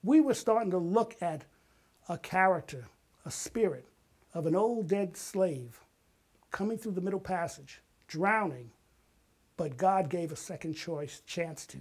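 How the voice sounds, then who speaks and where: An older retired artist and playwright, speaking as an interview guest, recounts personal stories in an emphatic, dramatic way with acted-out quotes. His high, husky voice is expressive and a little slow.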